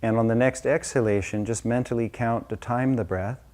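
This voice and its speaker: Leading a guided meditation, a male teacher gives soft-spoken, unscripted instructions in a slow, gentle way, leaving pauses between them. He speaks at a medium pitch.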